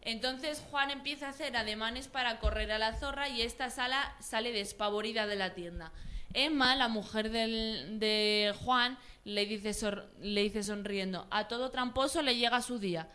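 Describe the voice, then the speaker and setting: A woman teacher with a bright, ringing, high-ish voice leads a student through a story, narrating with lively energy. She keeps asking encouraging questions. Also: unhurried. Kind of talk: guiding a student through a read-aloud story.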